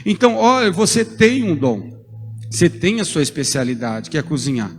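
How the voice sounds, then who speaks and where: Man, pastor, lively joking sermon, echoing church hall. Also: fairly high pitch, normal speed, slight background noise. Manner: lively, joking preacher addressing congregation by name.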